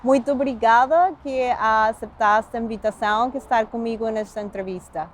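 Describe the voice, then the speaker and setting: A woman's voice: fairly high pitch, brisk, slight background noise. A woman hosting an interview, upbeat and friendly, who switches between languages. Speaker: interview host.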